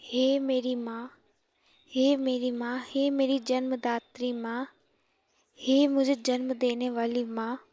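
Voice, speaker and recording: A young male ascetic, gentle and tearful, speaking softly to comfort his mother, as a woman narrator acts him. The voice stays high and unhurried, close to the mic in a dry space. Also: no echo. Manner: soft, consoling.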